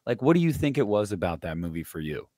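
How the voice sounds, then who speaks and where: Male podcast host, very deep voice, dry close sound; relaxed, asks questions to keep the talk moving. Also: fast talker, no echo. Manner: conversational, steers the talk with questions. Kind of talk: casual podcast chat.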